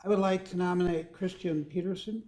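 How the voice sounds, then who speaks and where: A man's voice: high-pitched, fairly even intonation, fairly quick, darkish tone. A man speaking briefly as a commissioner in a formal meeting.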